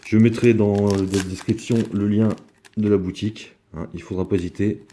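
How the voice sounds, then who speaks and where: Low-voiced man chatting through an unboxing. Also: steady tone, moderate pace, dark tone, slight background noise. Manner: rambling, chatty, many fillers. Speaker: card collector opening a box. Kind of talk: casual unboxing commentary.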